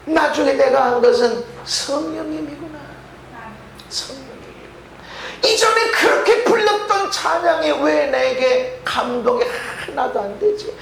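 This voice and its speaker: Animated high-pitched woman preaching, roomy echo. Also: moderate pace, gravelly, hardly any pauses, slight background noise. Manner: emotional storytelling, bursts into shouts and laughter. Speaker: pastor. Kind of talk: sermon. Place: church sanctuary.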